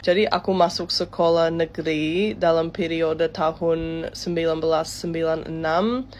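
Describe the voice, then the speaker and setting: A woman's voice: deep voice, steady tone, a little slow. A woman in her thirties, a native English speaker, casually explains things in Indonesian, dropping in English words and tagging her points. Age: 30s. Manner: explanatory, ends points with soft tags, mixes in English words.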